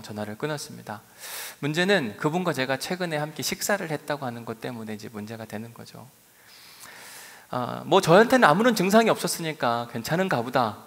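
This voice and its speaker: A middle-aged male pastor preaching a sermon, telling stories with lively swings between soft asides and raised emphasis. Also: mid-range voice, creaky. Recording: long hall reverb.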